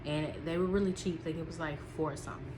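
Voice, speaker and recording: With a congested, sniffling nose, a woman who vlogs about her small business talks casually from notes. Her voice is low and easygoing, full of ums and repeated points, over a steady background hiss.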